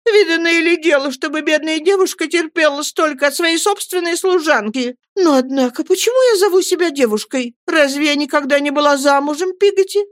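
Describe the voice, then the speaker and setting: A woman voicing a young widowed mother who is tearful and excitable, speaking in a shrill, pleading way in an audiobook. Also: takes it slowly, few pauses, dry recording, studio quality. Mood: tearful, indignant. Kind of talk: audiobook character voice.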